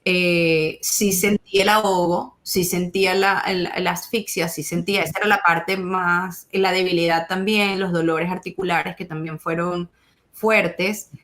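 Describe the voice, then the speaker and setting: A woman, an interview guest giving a faith testimony, speaking haltingly with many restarts and repeated words. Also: fairly low pitch, steady tone, a bit bright. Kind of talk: emotional testimony in conversation.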